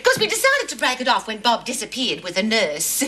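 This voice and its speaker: An actress playing a giggly, coy middle-aged housewife. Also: female voice, on the high side, huge pitch swings, fairly quick, bright, forceful tone, full character voice. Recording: noisy sitcom audio.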